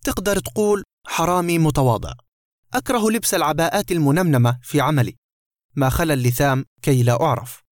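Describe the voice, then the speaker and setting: A man reading a story aloud, voicing a boastful burglar who mocks and threatens at gunpoint in a fairly high voice. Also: animated, fast, no echo, studio quality, natural voice. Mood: boastful, sardonic. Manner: mocking, threatening. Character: sarcastic menacing male burglar, boastful.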